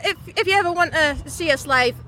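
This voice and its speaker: A woman's voice: very high-pitched, fast, pushed and bright, some chatter behind. A woman, chatting casually and enthusiastically as a band musician being interviewed. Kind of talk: casual chat.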